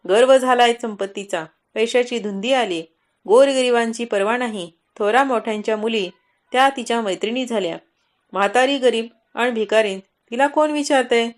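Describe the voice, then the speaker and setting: A woman doing an angry old beggar woman. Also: natural voice. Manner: coughing now and then, speaks low.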